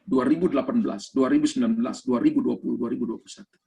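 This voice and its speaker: A man's voice: mid-range voice, very fast, vocal fry, dark tone. A man preaching a sermon over a video call, emphatic and storytelling, slipping English phrases into his talk. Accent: Indonesian. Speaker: pastor.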